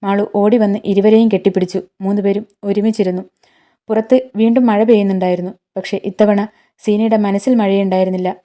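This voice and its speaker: Give me a woman narrating a heartfelt story calmly, with a deep mellow tone. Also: fast talker.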